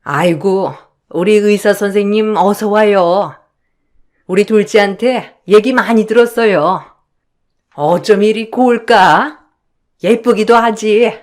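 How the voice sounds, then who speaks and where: A doting older mother-in-law, put on by a man, gushes in a high, sing-song voice. She speaks slowly and sweetly in this radio drama. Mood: gushing.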